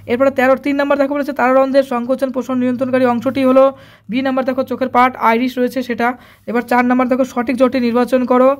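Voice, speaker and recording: A teacher briskly going through exam answers, repeating each key term and telling students to write it down. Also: high voice, flat delivery.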